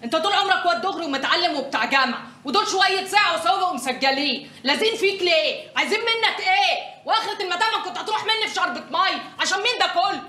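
An actress playing a feisty, sharp-tongued Egyptian working-class woman who talks combatively. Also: very high voice, animated, racing, hardly any pauses, echoey room, exaggerated voice. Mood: scolding. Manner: combative, scolding. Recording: music score behind.

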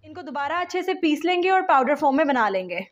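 A woman calmly talking through a home cooking recipe step by step, as a voice-over. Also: high-pitched, fast, highs cut off. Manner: calm step-by-step instructions mixing English words. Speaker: home cooking channel host.

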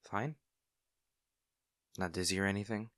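A man with a low-pitched voice and fairly even intonation speaks unhurriedly in a clean studio recording with no room sound. In an intimate comfort audio roleplay, he plays a kind young barista who's shyly smitten, acting naturally and conversationally while sounding caring, soft-hearted, reassuring, and a bit hesitant.

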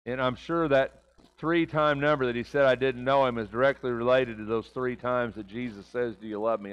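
A man's voice: medium pitch, muffled recording. An older man preaching a conversational sermon in a church sanctuary, asking the congregation rhetorical questions.

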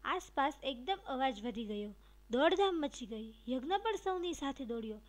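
A woman's voice: sits high, animated, normal speed. A woman teacher reading a storybook aloud to young pupils, adding light expression to the dialogue. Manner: addresses young pupils directly. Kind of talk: storybook read-aloud for children.

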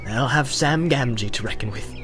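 A man's voice: medium pitch, moderate pace, over music, natural voice. A man voicing a loyal, plain-spoken male hobbit servant in an audiobook, humble and steadfast. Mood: loyal, resolute. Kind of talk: audiobook character voice.

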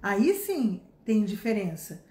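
A woman's voice: medium pitch, very animated, takes it slowly, dark tone, reverberant. A Brazilian woman in her fifties, an English teacher giving a casual spoken lesson, chatty and emphatic with many tag questions. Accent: Brazilian Portuguese. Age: 50s.

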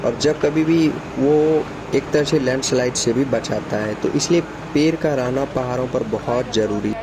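A man's voice: mid-range voice, normal speed. A man narrating a casual travel vlog from inside a moving bus, chatting to viewers about the mountain scenery. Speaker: travel vlogger. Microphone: handheld camera by the bus window. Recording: clear vehicle noise behind. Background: bus engine and road noise.

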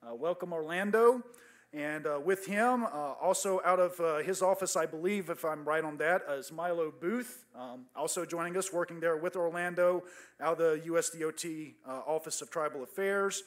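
A man acting as conference emcee, introducing a panel in a halting, chatty way with many fillers. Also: on the high side. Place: conference hall stage.

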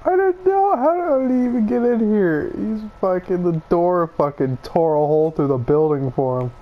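A woman's voice: fairly low pitch, moderate pace, lo-fi sound. A woman playing a survival game with a friend, shrieking, swearing and laughing through her fear, tearful from screaming. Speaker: gamer streaming with a friend. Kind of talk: panicked co-op gameplay chat.

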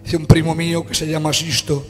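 A man with a Spanish accent preaching a fervent sermon in a church, swinging from low murmurs to shouts. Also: level tone, brisk. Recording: church hall reverb with faint music.

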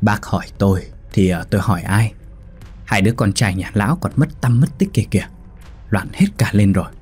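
A man's voice: fairly low pitch, a little fast, a little mellow, husky, soft background music. A man voicing a panicked old village man who stammers out bad news. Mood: bewildered. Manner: stammering, frantic.

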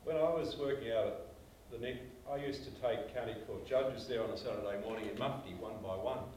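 An older Australian man, a panelist at a panel discussion in a small meeting room, tells stories emphatically and gestures as he talks. His mid-range voice is brisk with a darkish tone. The recording is echoey and distant, with a little hiss or hum.

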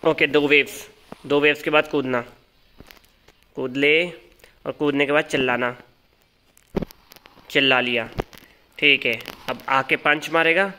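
A man giving excited live commentary as he calls out a boss's moves and talks to his character. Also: fairly high pitch, slow, pauses often, slight background noise. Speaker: gaming channel host.

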